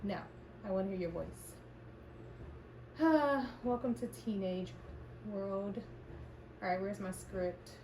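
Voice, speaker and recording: Speaking unhurriedly with frequent pauses, this middle-aged woman has a mid-range, dark-toned voice and fairly even intonation, with slight background noise. She's vlogging her routine indoors at home, talking casually to camera as she rambles, cuts herself off and thinks aloud. Tiredness shows, and at times she's out of breath.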